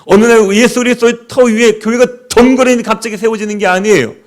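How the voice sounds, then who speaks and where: A male pastor preaching a Sunday sermon, asking the congregation rhetorical questions and swinging between loud emphasis and quiet asides. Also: extremely high pitch, steady tone, fairly quick.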